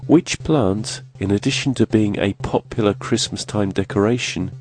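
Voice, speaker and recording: A man's voice: on the low side, moderate pace, a little mellow. Nasal, sniffly male quiz host with a cold. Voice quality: nasal, congested. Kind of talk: scripted quiz narration.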